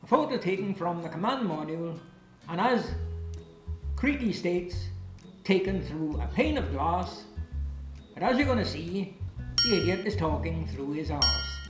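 Older guy ranting insults, faint and far off like he's down a well, high pitched. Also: expressive, measured pace, pauses often, music in the background. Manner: insulting, blustering. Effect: sound drops away, distant and hollow as if down a well. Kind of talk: ranting video commentary. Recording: echoey, faint and distant home recording.

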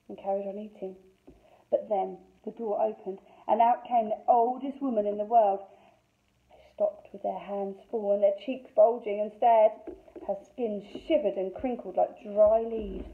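A woman teacher reading a fairy tale aloud to young children in an expressive, lively storytelling voice, on a thin phone-like recording. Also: medium pitch. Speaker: infant school teacher.

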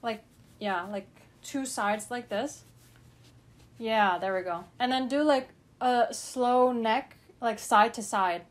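A woman's voice: on the high side, slow, a little hiss or hum. A woman vocal producer coaching a singer in the studio, bubbly and encouraging, laughing often. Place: recording studio.

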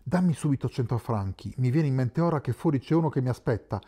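A man's voice: medium pitch, animated, fast talker, warm tone, breathy edge. A man reading the part of a burly, scheming former miner in an audiobook, speaking bluntly. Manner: blunt, conspiratorial.

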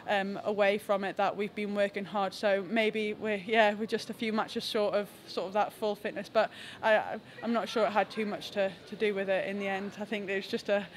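A young woman, a rugby team captain, giving a halting, reflective post-match press interview indoors into handheld mics held close. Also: mid-range voice, steady tone, a little hiss or hum. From England. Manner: reflective, halting with frequent restarts. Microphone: several handheld press mics close to her face.

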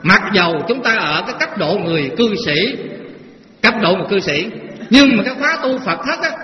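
Man, Buddhist monk, sermon to lay followers, folksy storytelling, rhetorical questions, high voice, roomy hall echo, muffled lo-fi recording. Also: lively intonation, a little fast. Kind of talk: Dharma talk to a live audience. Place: temple hall with a live audience. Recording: echoey hall, dull lo-fi sound, faint noise.

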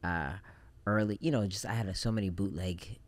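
Low-voiced guy on a studio mic, laid back, lots of ums, thinks out loud. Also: a little fast. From Japan. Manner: relaxed, reflective, many fillers. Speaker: podcast guest, film director. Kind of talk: casual interview chat. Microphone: studio mic on boom arm.

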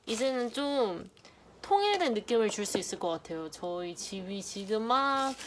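A young woman vlogger narrating an unboxing in a chatty, playful way, muttering softly to herself while she handles things. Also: medium pitch. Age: young adult. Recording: loud background noise.

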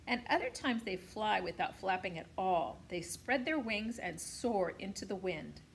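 A woman voicing a calm, patient robot mother who explains things in a measured way. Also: mid-range voice, gravelly, a little hiss or hum. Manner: measured and instructive.

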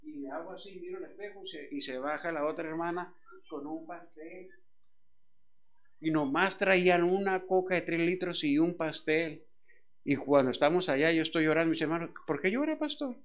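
A middle-aged man, a pastor preaching a sermon and telling a personal story with big swings from hushed to loud. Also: fairly high pitch, fairly even intonation, moderate pace.

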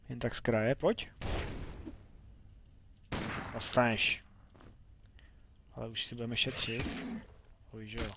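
Gravelly-voiced young male gamer, self-talking, playful let's-play commentary. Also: medium pitch, a little hiss or hum. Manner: chatty, talks to himself and the game, playful outbursts. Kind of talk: casual gameplay commentary.

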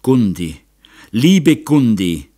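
A man's voice: medium pitch, sing-song, mellow, full character voice. A man voicing a stern, reserved artist. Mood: gentle. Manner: hard, measured, restrained. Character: reserved middle-aged male artist, stern and bitter. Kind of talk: audiobook character reading.

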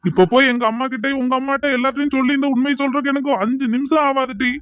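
A man's voice: extremely high pitch, level tone, rapid-fire, fairly bright tone, clean tone, no room sound. A man voicing an angry accusing husband. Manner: scolding, contemptuous. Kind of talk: cartoon voice acting.

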